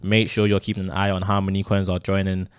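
Fast-talking young London roadman podcaster. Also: deep voice, clear, resonant tone, dry recording, clean studio sound. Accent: London, urban roadman slang. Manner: animated, slangy, argumentative. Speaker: podcast host. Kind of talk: casual podcast banter.

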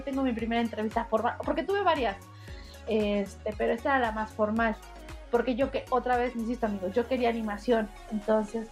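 Young woman, Mexico City accent, slangy, fairly high voice, faint music behind. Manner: slangy, animated storytelling, acts out quotes. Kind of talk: casual chat.

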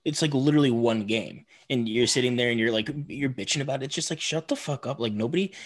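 A man's voice: medium pitch, fast. Ranting young man swearing. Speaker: podcast co-host. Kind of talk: casual sports chat.

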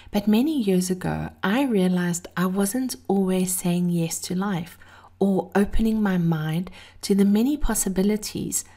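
Breathy, creaky-voiced woman giving encouragement. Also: lowish voice, warm tone. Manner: intimate, addressing listeners as darling. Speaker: host of a daily encouragement series. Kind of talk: motivational monologue.

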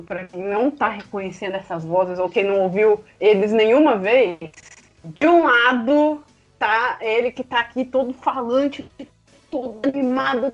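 A woman with a Brazilian accent hosting a challenge show in an excited, casual, animated way with drawn-out announcements. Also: on the high side. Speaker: host of a quiz challenge show. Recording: dull lo-fi sound, music behind.

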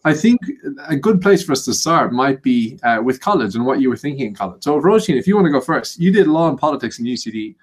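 Guy hosting a podcast, normal pitch, casual interview questions. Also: big pitch swings, fast talker, few pauses.

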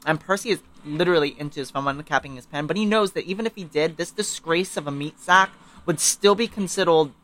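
A man recapping a novel in casual chat, animated and profane, sometimes reading passages aloud. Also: fairly high pitch, quick pace, rough recording. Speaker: book podcast co-host.

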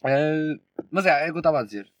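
A man's voice: on the high side, fast, dry recording. A young man with a European Portuguese accent, chatting casually and slangily, with swearing, as a podcast co-host. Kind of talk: casual chat.

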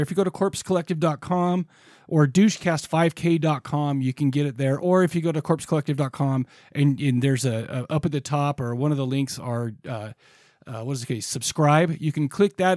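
A man's voice: fairly high pitch, a little fast, darkish tone, no room sound, clean studio sound. A man hosting a podcast in a casual, jokey, informal chat style. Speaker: podcast host.

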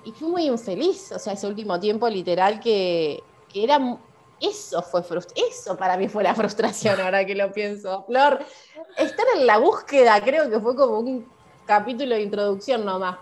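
A woman's voice: mid-range voice, animated, normal speed. A woman with a Rioplatense Spanish accent, a trained announcer, telling her story casually with lots of fillers and restarts. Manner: chatty, full of fillers and restarts.

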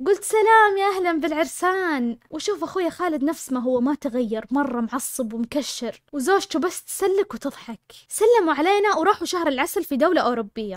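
A Saudi woman races through a storyteller's narration at breakneck speed in a high, bright-sitting voice. She is a channel host, blunt and opinionated, and the close, dry sound keeps every word right at the ear. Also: no echo. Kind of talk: rapid conversational storytelling and opinion.

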